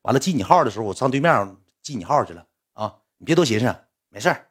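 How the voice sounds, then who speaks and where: A young man with a Northeastern Mandarin accent tells a casual story in a rambling way, repeating himself and restarting. His voice is slightly husky, and he talks fast with a lively, swooping pitch.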